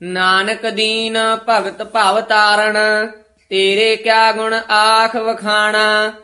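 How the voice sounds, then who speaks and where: A reader recites a devotional hymn line by line in a measured, even chant. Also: medium pitch. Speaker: student reciting scripture.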